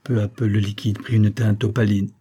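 A man reading a novel aloud as an audiobook narrator, steady and measured. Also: lowish voice, slightly rough. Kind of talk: scripted narration.

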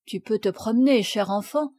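A woman reading aloud and voicing a gentle, careful noble mother who gives soft, measured instructions. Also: fairly high pitch, husky, no echo.

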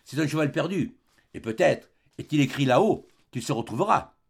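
A man's voice: a little high, expressive, moderate pace, creaky, husky. A man reading a classic novel aloud as an audiobook, giving the characters different voices. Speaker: audiobook reader.

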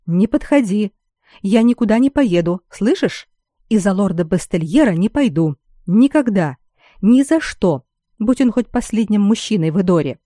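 A proud young noblewoman snaps back with biting sarcasm and open defiance, as a woman reader plays her. Her voice sits warm and a little low, recorded close and dry. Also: animated, moderate pace, no room sound, close to an everyday voice. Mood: defiant.

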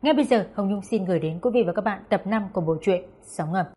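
A woman's voice: medium pitch, fast talker, noisy background. A woman host formally introducing the next story episode to listeners. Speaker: channel host. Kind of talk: scripted introduction.

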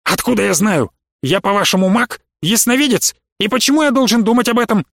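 A man voicing a touchy, indignant middle-aged male professor who is shrill and quick to snap. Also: creaky, fairly bright tone, dry recording, clean studio sound.

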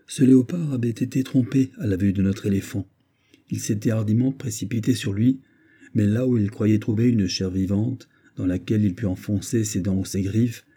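A man narrating a classic adventure novel as an audiobook, in a measured, steady reading. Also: on the low side, breathy edge. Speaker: audiobook reader.

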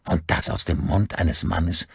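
A man voicing a cold, vengeful older man who speaks slowly and deliberately in an audiobook. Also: low voice, fairly even intonation, vocal fry, breathy edge, no room sound, studio quality, full character voice. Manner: slow, deliberate, icy.

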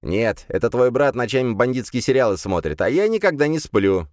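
Man doing a haughty ancient demon lord, raised pitch, loud, swooping delivery, dry close sound. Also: very animated, brisk, dry recording, lightly acted. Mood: gloating. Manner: haughty, commanding, scornful. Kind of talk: audiobook character voice.

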